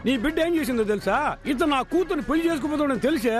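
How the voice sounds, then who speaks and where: An actor playing a hard-of-hearing older father, loud, scolding and comic, over background music. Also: very high-pitched, expressive, racing. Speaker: bride's father.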